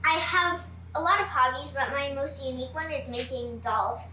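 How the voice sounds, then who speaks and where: Earnest high-voiced woman guest. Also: moderate pace, sharp tone, reverberant, distant mic, slight background noise, low-quality recording. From Miami. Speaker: young activist guest. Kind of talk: interview answers.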